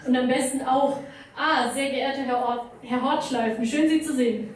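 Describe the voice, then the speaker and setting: A woman's voice: high-pitched, fairly even intonation, moderate pace, a little hiss or hum, lightly acted. A woman playing a flustered, overly polite male banker worried about his appointment, at a live reading. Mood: anxious. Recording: echoey hall recorded from far off.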